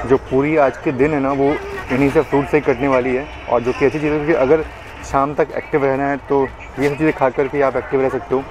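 A man's voice: medium pitch, poor audio. A young man chatting casually as a train travel vlogger, holding the camera at arm's length. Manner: chatty, filler-heavy, upbeat. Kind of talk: casual travel vlog narration. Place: outdoors on railway platforms and inside a train. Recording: loud outdoor and train noise.

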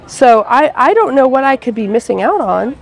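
A woman's voice: sits high, big pitch swings, moderate pace, vocal fry. Chatty woman reviewing festival food. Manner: chatty, lots of "like" fillers. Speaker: food vlogger. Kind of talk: casual food review chat.

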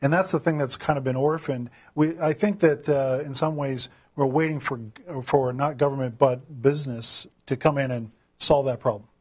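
A man's voice: medium pitch, steady tone, moderate pace, few pauses, a little mellow, slightly rough. A man hosting a casual studio interview, chatty and rambling with lots of fillers, with a Canadian accent. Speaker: host.

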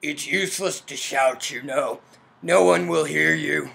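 A man's voice: vocal fry, fairly bright tone, husky, exaggerated voice. Man doing a cold sinister sorceress. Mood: menacing. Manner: low, slow, menacing. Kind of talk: game dialogue read aloud.

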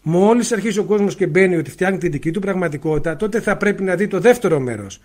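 A man giving a spiritual talk on a livestream, speaking loudly and emphatically into a faulty mic and asking rhetorical questions. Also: sits high, animated. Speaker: spiritual teacher. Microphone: faulty mic, spoken loudly into it.

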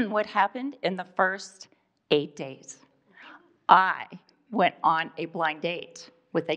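A woman in her fifties from Iowa performs a personal monologue on a live stage, speaking deliberately with dramatic pauses. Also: medium pitch, fairly bright tone. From Iowa, USA. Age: 50s. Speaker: storyteller.

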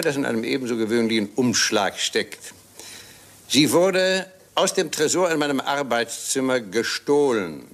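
In a German radio crime play, an older male actor voices a stern, commanding old English lord, speaking deliberately and with authority. His voice is mid-range and fairly bright.

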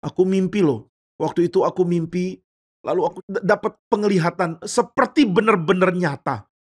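An eager royal cupbearer recounts his tale with excitement, as a man voices him. The voice is somewhat high and lively. It is a children's storybook telling. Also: normal speed. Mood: excited.

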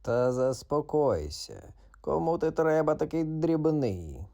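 A man voicing a proud, grumpy tomcat who growls slow threats in a children's audiobook. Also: on the high side, sing-song, gravelly, mellow, pitched above the performer's own voice, exaggerated voice. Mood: gruff, proud.

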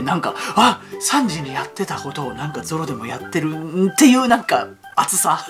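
Excitable rapid-fire male fan host. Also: on the high side. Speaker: YouTube fan channel host. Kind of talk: excited reaction commentary.

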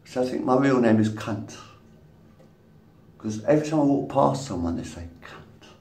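A man in his fifties vlogs a rambling, casual monologue to his phone at arm's length in a small room, swearing and laughing at his own jokes. His medium-pitched voice is mellow and expressive at a normal speed. Recorded from a distance, it carries a roomy echo over faint background noise.

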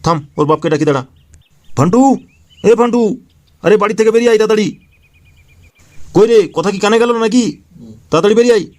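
A man's voice: fairly high pitch, rapid-fire, lightly acted. Man playing a blustering old cartoon grandfather. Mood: urgent. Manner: scolding, shouting, bossy. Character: blustering old grandfather, hot-tempered and protective. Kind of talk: cartoon voice dubbing.

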